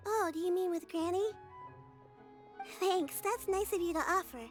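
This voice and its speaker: Very high-voiced earnest kid. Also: female voice, fairly even intonation, moderate pace, faint music behind. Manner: earnest, youthful. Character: polite, cheerful, caring young grandchild, tough for their age. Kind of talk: video game voice acting.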